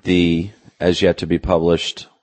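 A man with a very low, deep voice hosts a casual interview. He asks his questions in an easygoing way and teases his guest along the way. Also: monotone, a little slow. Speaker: interview host.

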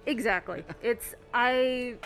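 A woman's voice: on the high side, slow, a bit bright. Muffled woman talking through a face mask. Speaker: burlesque performer being interviewed. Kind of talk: casual interview.

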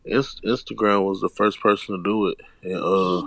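A man's voice: low voice, steady tone, moderate pace, vocal fry, a bit bright, no room sound. A man in his thirties from Houston with a Southern drawl, talking loosely and slangily as a guest rapper in an interview. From Houston, Texas. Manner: laid-back, slangy, rambling with restarts. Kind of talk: casual interview chat.

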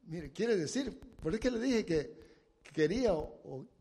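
A man's voice: high voice, lively intonation, unhurried, breathy edge. Dramatic preacher man in a reverberant hall. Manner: dramatic, acts out the blind man's shouted pleas. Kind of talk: sermon.

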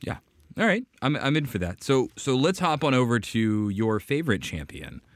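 A man hosting a casual panel discussion, relaxed and joking as he passes questions to others. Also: medium pitch, moderate pace, no room sound, clean studio sound. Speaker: host.

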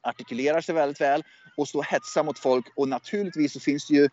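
A man's voice: fairly high pitch, steady tone, darkish tone, dull audio. A man in casual political chat, speaking as a US correspondent, often hesitant, repeating and restarting his words. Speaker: USA correspondent. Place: southwestern USA.

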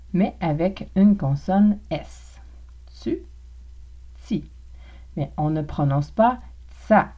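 A woman with a Québécois accent teaches pronunciation in a podcast, carefully spelling out sounds one by one. Her voice is low and mellow, and she speaks very slowly. The recording is slightly dull and lo-fi. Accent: Québécois French. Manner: slow, careful, demonstrates sounds. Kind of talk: podcast lesson.

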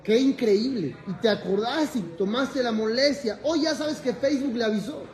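A man teaching as a rabbi in a lively class, telling a story, acting out its dialogue and joking with his listeners. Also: very high-pitched, normal speed, slight background noise. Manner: animated, jokes with the audience, acts out dialogue. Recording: echoey room with audience.

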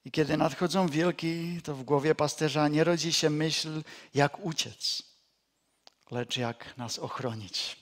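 Slow, deliberate, higher-voiced male pastor preaching. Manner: slow and deliberate, repeats key phrases, drops to a quiet low voice for emphasis. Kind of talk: sermon.

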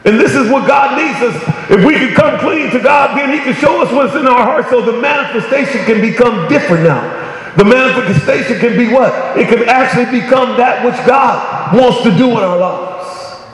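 A man preaching a sermon, calling out to the congregation and rising to shouts on key points. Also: very high voice, animated, normal speed. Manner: call-and-response preaching, "come on, somebody". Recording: echoey hall with long reverb.

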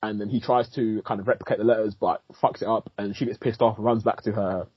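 Husky man in casual film chat. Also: lowish voice, quick pace, no room sound, highs cut off. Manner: animated, swears freely, laughs often. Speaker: podcast co-host, film critic.

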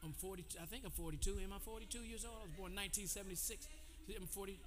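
A man's voice: sits high, very fast. A man in his forties preaching a sermon, loose and conversational, calling out to the congregation between testimony. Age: 40s. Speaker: pastor. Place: church sanctuary. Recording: long hall reverb.

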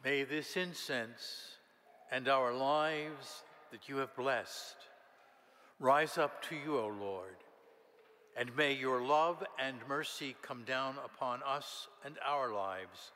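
A man's voice: medium pitch, bright, forceful tone. Priest praying in cathedral echo, a man. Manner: formal, measured phrasing with emphatic swells. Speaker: priest celebrating Mass. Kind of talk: liturgical prayer, solemn recitation. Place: large reverberant church. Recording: cathedral echo, long church reverb, background noise.

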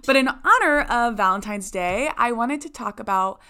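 A young woman hosts her podcast solo, bubbly and chatty, full of casual fillers as she talks. Her voice comes through smooth and clear. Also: on the high side, expressive, moderate pace, sharp tone. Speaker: podcast host.

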